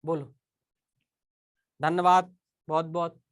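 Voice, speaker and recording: A man's voice: on the high side, little pitch movement, takes it slowly, clean tone. A man teaching a casual live online class, talking straight to his students and often checking in with "okay".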